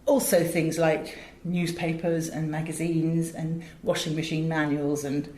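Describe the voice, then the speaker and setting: Her deep, dark voice barely shifts in pitch and never hurries as this middle-aged British audio director and drama teacher emphatically and articulately recounts work anecdotes in an interview. The room sounds large and echoey.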